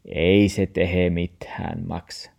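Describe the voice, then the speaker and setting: A man's voice: sits low, flat delivery, gravelly, a little mellow, exaggerated voice. A man doing a patient old granddad. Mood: reassuring. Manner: slow, soothing and reassuring.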